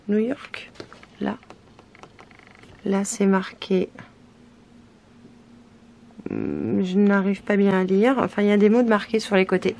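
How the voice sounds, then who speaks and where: This is a French scrapbooking vlogger casually unboxing craft papers and speaking hesitantly, full of filler words. Her voice has a medium pitch and a slightly mellow quality.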